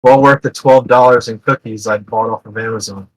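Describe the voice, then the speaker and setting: A man chatting as a community member on a stream, jokey and quick to laugh. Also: mid-range voice, fairly even intonation, low-quality recording. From United States. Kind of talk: casual stream chat.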